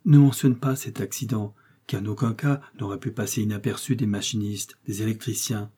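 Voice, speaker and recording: A man's voice: lowish voice, steady tone, a little fast, warm tone, breathy edge. Man doing a flustered circus manager. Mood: defensive. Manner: indignant outbursts. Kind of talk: audiobook reading.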